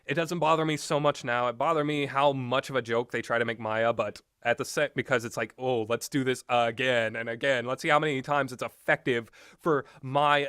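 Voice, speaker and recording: A man with a mid-range, slightly bright, smooth voice reviews video games with casual, rambling, opinionated commentary, often hesitating as he speaks. The sound is clean studio quality with no echo.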